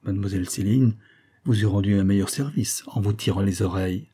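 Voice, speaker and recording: Grave ironic gentleman, low husky voice, dark tone, audiobook reading, a man plays him. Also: fairly quick. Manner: dry, slightly ironic.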